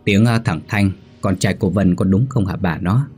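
A man's voice: low voice, moderate pace, a little mellow, breathy edge, soft background music. A man voicing an elderly male neighbor who stammers in shock in a ghost story reading. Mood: puzzled.

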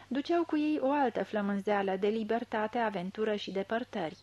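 A woman reading a literary novel aloud in a measured, even storytelling manner into a close studio mic. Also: medium pitch. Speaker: audiobook reader. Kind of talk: scripted literary narration.

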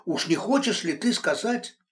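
A man's voice: high voice, expressive, normal speed, a bit bright, pitched above the performer's own voice. A man voicing a stern, worried man who scolds and comforts a friend brusquely. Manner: brusque, exasperated.

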